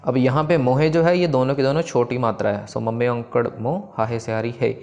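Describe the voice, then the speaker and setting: Man teaching slow scripture recitation over soft music. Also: medium pitch, fairly even intonation, highs cut off. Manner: chants verses slowly, then explains pronunciation quickly. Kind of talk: recitation lesson. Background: soft background music.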